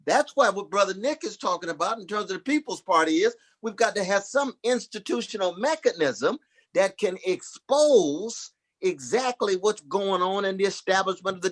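A man giving impassioned political commentary in a preacher-like way, calling others "Brother" and "Sister". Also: high voice. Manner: rhetorical, uses religious address like "Brother" and "Sister".

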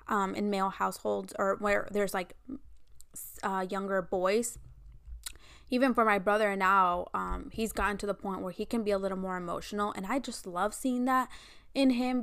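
A woman's voice: mid-range voice, fairly bright tone. A young woman in her twenties hosting a casual personal podcast, chatting freely with lots of "like" and acting out quoted voices. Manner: chatty, heavy use of "like", acts out quoted voices. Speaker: podcast host.

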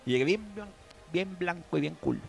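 A man's voice: a little high, lively intonation, normal speed, gravelly. A man with a Mexican accent in a casual chat, joking and laid back, full of slang. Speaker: actor.

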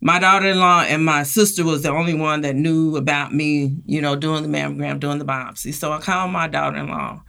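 A woman's voice: low voice, fairly even intonation, a little fast, gravelly, hardly any pauses, bright, forceful tone. A woman telling her own story as an interview guest, acting out the voices of others and laughing as she goes. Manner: acts out quoted voices, laughs while telling. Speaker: guest sharing her experience. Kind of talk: animated personal storytelling.

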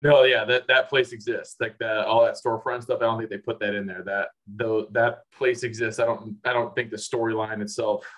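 A man's voice: fairly low pitch, flat delivery, brisk, hardly any pauses, a bit bright, low-quality recording. A man from the Chicago suburbs, co-hosting a podcast in casual chat, rambling with lots of restarts. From Chicago suburbs, USA.

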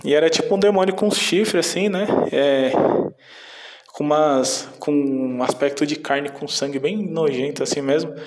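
A man's voice: on the high side, normal speed, a little hiss or hum. A man with a Brazilian Portuguese accent telling a story casually in a meandering, hesitant way.

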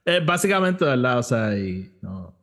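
A man chats casually about movies as a podcast host. He mixes Spanish and English within the same sentence, and his intonation is very animated, moving widely up and down. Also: medium pitch, measured pace. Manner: Spanglish, switches between Spanish and English mid-sentence. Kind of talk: casual movie review chat.

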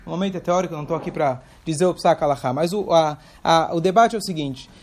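High-voiced man teaching a Torah class. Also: quick pace. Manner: explains step by step, asks questions aloud. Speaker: religious teacher.

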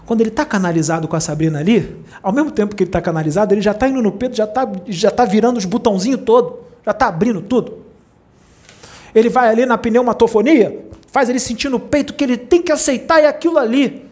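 Animated Rio-spiritual teacher. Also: fast talker. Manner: animated storyteller, acts out quoted voices with big pitch leaps. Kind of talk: spiritual talk to a small group.

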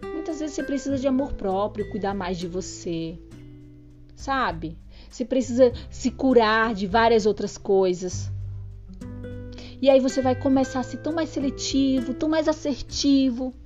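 A woman's voice: fairly high pitch, normal speed, a little mellow. A woman hosting a spiritual self-help podcast, talking straight to the listener in an earnest, preachy way. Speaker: podcast host. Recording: dull lo-fi sound with faint music.

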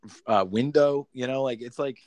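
A young man talks in a loose, rambling way, laughing often and swearing freely. His voice sits at a middling pitch. The sound is close and dry, with no room echo. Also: normal speed, a little mellow. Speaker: musician guest. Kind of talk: casual podcast chat. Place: home bedroom in quarantine.

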